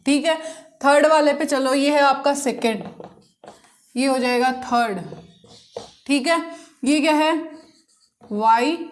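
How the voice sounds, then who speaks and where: A woman maths teacher, teaching a class at the board. She keeps asking the class questions and answering them herself. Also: sits high. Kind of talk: classroom lesson explaining problems.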